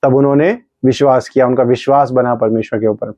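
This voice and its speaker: A man's voice: medium pitch, steady tone, a little fast, dark tone, no echo. A middle-aged man, a pastor, telling his testimony in a fervent sermon, acting out his own rebukes as he goes. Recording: slightly dull, dry recording.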